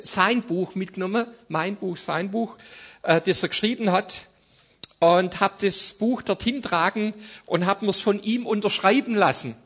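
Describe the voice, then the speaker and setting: A man's voice: sits high, fairly bright tone, husky, dull audio. A man preaching a conversational sermon as a guest speaker, with frequent tag questions and restarts. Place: church service.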